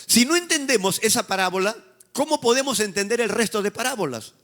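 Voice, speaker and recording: High-voiced, lively Peruvian pastor preaching. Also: male voice, fairly quick. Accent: Peruvian Spanish. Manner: call-and-response preaching, has the congregation repeat after him; teasing and exhorting the congregation. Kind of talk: sermon. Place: church service with a live congregation.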